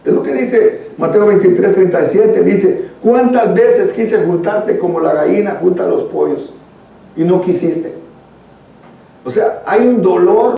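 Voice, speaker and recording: A high-voiced man with a dark tone and vocal fry leads a church Bible study in a Guatemalan accent. He reads scripture and explains it in an earnest, conversational teaching style, recorded from afar in a strongly echoing room.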